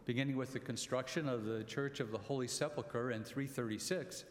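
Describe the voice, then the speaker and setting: Priest proclaiming the Gospel in echoey church. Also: male voice, mid-range voice, brisk, a little hiss or hum. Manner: steady formal proclamation. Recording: echoey church hall, faint ambience.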